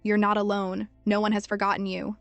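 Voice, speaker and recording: A woman playing a gentle, loving young mother. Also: medium pitch, monotone, a little fast, smooth, no room sound, faint music behind, natural voice. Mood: tender. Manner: soft and tender.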